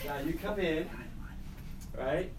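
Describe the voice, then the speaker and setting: A man teaching a high school class, lively and directing students to act out a scene. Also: slow pace, noisy background.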